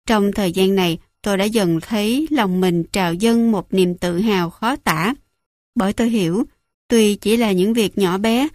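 A woman narrating a first-person story as an audiobook, in a measured and reflective way. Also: medium pitch, a little mellow, dry recording, clean studio sound.

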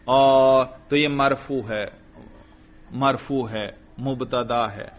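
A male religious teacher giving a classroom grammar lecture, drilling students with repeated questions and chanting phrases slowly in a sing-song. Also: medium pitch, fairly even intonation. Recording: dull lo-fi lecture recording.

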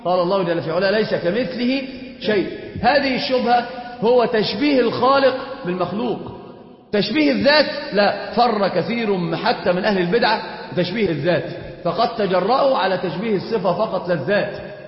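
Fast-talking man lecturing in echoey hall. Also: high voice. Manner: questions students and answers himself. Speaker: Islamic teacher. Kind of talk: classroom lecture on creed. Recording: echoey hall, dull lo-fi sound.

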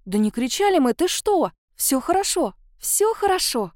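A woman reading an audiobook voicing a middle-aged mother who shouts urgently and takes command. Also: big pitch swings, normal speed, dry recording, clean studio sound. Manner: loud, high-pitched, urgent.

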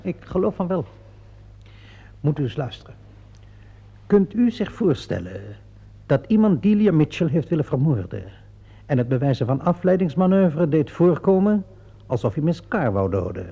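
In a radio play, an actor portrays a shrewd, relentless police inspector who corners a suspect with insinuating, theatrically deliberate, mock-polite questions, sounding confident. His male voice sits on the high side, gravelly with a breathy edge, swinging widely in pitch and heavily acted. The vintage recording sounds dull and muffled.

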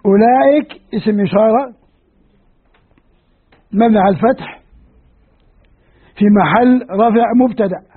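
A man's voice: high voice, unhurried, long pauses, husky. A male religious teacher giving a patient grammar lecture, asking his students questions as he explains. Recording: tinny lo-fi phone-like recording.

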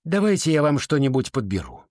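A man's voice: medium pitch, wildly swooping pitch, brisk, darkish tone, dry recording, studio quality, voice pushed up. A man reading aloud, voicing a guarded, evasive older woman who owns a perfume shop in a storybook.

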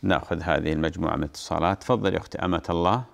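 Gravelly low-voiced man hosting a call-in. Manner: formal opening prayer, then short brisk replies to callers. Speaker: radio show host answering callers' religious questions. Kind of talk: phone-in religious advice show.

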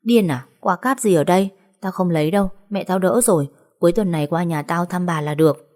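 A woman's voice: on the low side, brisk, darkish tone, lightly acted. A woman voicing a frightened young woman who pleads in broken, sobbing speech. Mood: indignant.

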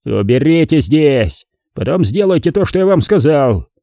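A man's voice: medium pitch, big pitch swings, measured pace, dark tone, no room sound, clean studio sound, voice pushed up. A man voicing a panicked, short-tempered male gang boss who snaps out orders. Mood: harsh. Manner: barking, snapping orders.

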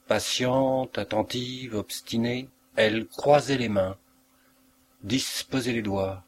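A man reading a literary short story aloud with a measured, expressive narration. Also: on the low side, slight background noise. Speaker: audiobook reader.

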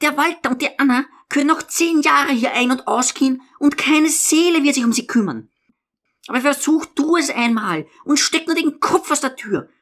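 Brief: male reader doing a hard, sharp young woman, pitched well up, cold and insistent, audiobook. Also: moderate pace. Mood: urgent pleading. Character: stern unrelenting young woman, elder daughter. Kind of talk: audiobook reading.

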